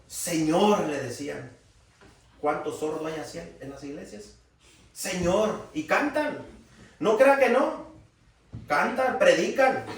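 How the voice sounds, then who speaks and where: A preacher with a high voice delivers a folksy, animated sermon, raising his voice for emphasis. His voice rings through a very echoey hall. He stands some way back from the mic. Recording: very echoey room, from far off.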